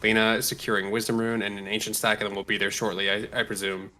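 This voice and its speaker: A man's voice: on the low side, flat delivery, fast talker, pushed and bright. A man giving analytical live esports commentary in an explanatory way, breaking down strategy.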